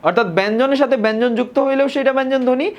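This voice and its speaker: A young man from Bangladesh, teaching a grammar lesson and often repeating key points and slowing down on example words. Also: very high-pitched, highs cut off. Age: young adult. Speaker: tutor.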